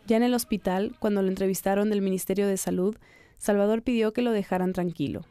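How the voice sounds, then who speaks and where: A woman reporter giving calm, measured, scripted narration of a true story. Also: medium pitch.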